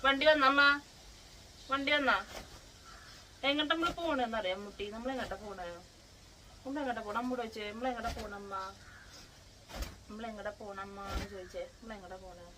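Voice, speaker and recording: A woman's voice: a little high, fast, long pauses, background noise. A woman filming a casual home vlog, coaxing and playfully scolding her pet while she dresses it indoors. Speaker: pet vlogger.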